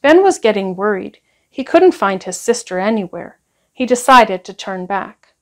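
A woman reads a children's picture book aloud in an expressive storytelling style, acting out the dialogue. Her voice is medium in pitch and moves at a normal speed.

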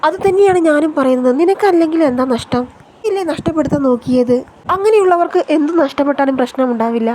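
Woman reading an accusing young wife from a soap recap, high and pointed. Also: animated, fast, slight background noise. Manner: sharp accusing retorts.

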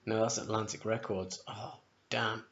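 A music vlogger in his forties, nursing a sore throat, rambles casually to a close-range webcam in his home kitchen while ranking albums, often correcting himself. His voice is fairly low, level and fairly bright with vocal fry, at a moderate pace, and the webcam audio sounds dull and lo-fi.

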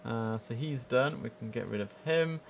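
At a desk in his room at home, a young man wearing a headset streams an air traffic control game. His mid-range voice is creaky and moves at a moderate pace as he chats casually with his viewers, mixing clipped radio calls into the gameplay commentary.

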